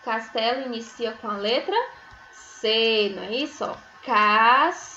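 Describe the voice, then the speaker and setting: A woman teaching a recorded first-grade phonics lesson, sounding out syllables slowly and often checking in with tags. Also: fairly high pitch, fairly bright tone, highs cut off, faint music behind. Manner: slow, drawn-out syllables, sounding words out; frequent checking tags like "né?" and "certo?". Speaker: primary school teacher.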